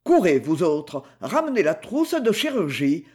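A man's voice: sits high, sing-song, unhurried, darkish tone. A man reading the lines of a stern army captain who presses his questions. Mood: pressing.

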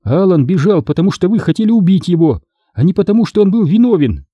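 A woman's voice: fairly low pitch, big pitch swings, fast talker, mellow, breathy edge, no room sound, dull audio, voice pushed up. A man voicing a fierce, loyal young woman in an audiobook, pleading and scornful by turns. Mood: heated. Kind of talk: audiobook character voice.

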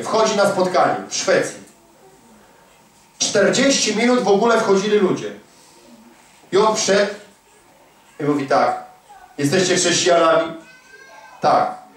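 A man preaching a fervent, emphatic sermon, swinging from hushed asides to near-shouts. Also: high voice. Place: church prayer hall. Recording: very echoey hall, from a distance.

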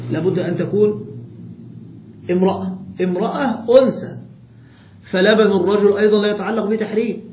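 A man's voice: sits high, a little mellow, roomy sound, slight background noise. Egyptian sheikh teaching, quizzing his class. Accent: Egyptian Arabic. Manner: drawn-out words, quizzing students often. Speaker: sheikh teaching Islamic jurisprudence. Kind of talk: classroom lesson with questions to students.

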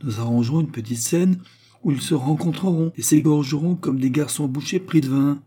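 A man's voice: a little high, fairly quick, mellow, slightly rough, voice pushed up. A man reading as a sneering villainous baronet. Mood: scheming. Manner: disdainful, calculating. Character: scheming cold male baronet villain.

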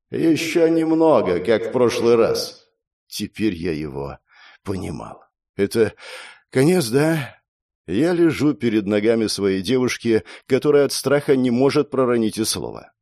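A man reading a first-person story aloud in a hushed, dramatic, halting way. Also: medium pitch, no room sound, clean studio sound. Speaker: narrator. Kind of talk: first-person audiobook narration.

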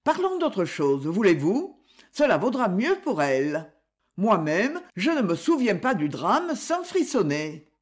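A gracious, worldly aunt of polite society, as a woman reader voices her in a storybook reading. The delivery is unhurried, with a lively, expressive pitch. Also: slightly rough. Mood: grave. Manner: polished, socially gracious. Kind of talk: audiobook character reading.

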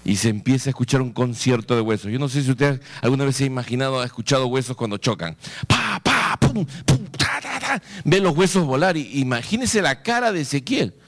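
A man's voice: mid-range voice, fast talker, hardly any pauses, slight background noise. A male pastor preaching a sermon, telling the story dramatically with vivid sound effects and exhorting his listeners directly.

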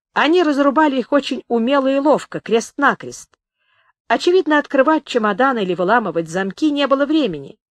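Woman audiobook narrator, animated pitch, dry close studio sound. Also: no echo. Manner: expressive, varied reading.

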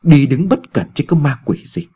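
A man's voice: lowish voice, sing-song, fast, darkish tone, breathy edge. A man voicing a bossy older village wife who scolds and nags, in a narrated ghost story. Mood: scolding. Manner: brusque, nagging.

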